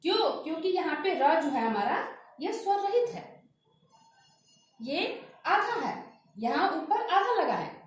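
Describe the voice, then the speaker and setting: Woman teacher going over spelling slow, repeats each word, really lively high voice. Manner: slow, deliberate, repeats words to drill pronunciation. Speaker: Hindi grammar teacher. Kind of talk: classroom lesson with spoken examples. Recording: very echoey room.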